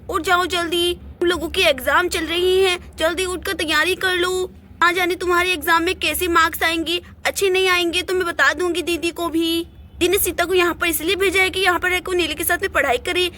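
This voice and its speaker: A woman's voice: very high voice, bright, forceful tone, a little hiss or hum. A woman voicing a scolding middle-aged aunt and mother in a doll play story, with a nagging, exasperated manner.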